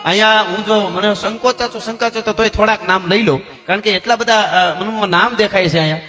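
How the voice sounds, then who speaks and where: At a dayro, a folk storyteller performs live on stage, his voice high, brisk and sharp as he tells stories to a religious gathering. He's chatty and earnest, tossing in asides, and the hall echoes with faint music behind him.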